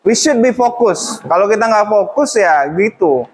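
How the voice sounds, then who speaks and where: A man's voice: high-pitched, lively intonation, a little slow, a little hiss or hum. A male English teacher instructing a classroom, mixing English phrases into his talk and prompting students.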